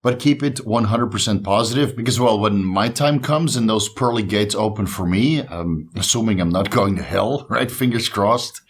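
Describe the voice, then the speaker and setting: This YouTube host is a Dutch man who speaks with a Dutch accent and a slight speech impediment. His voice is fairly low and moves at a moderate pace with few pauses as he chats casually to camera, upbeat and encouraging toward his viewers.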